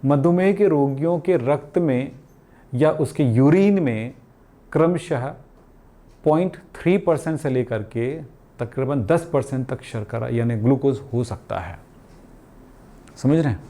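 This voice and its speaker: A man's voice: medium pitch, lively intonation, measured pace, pauses often, dark tone. A middle-aged man teaching a chemistry lesson in a chatty way, asking and answering his own questions and using everyday examples. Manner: colloquial, calls students beta, jokes. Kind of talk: chatty classroom lecture.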